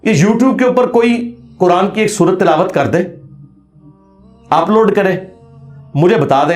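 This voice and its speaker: Forceful man lecturing in an echoey room. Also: sits high. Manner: forceful, challenging, recites Arabic slowly. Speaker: religious speaker. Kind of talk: impassioned lecture.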